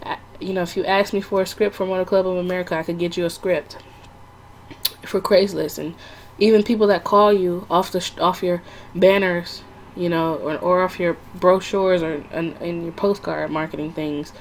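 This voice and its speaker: A woman's voice: fairly low pitch, steady tone, normal speed, a little hiss or hum. A woman talking casually to her viewers, chatty and rambling, with lots of fillers and restarts. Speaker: vlogger giving sales tips. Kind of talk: casual talk to camera.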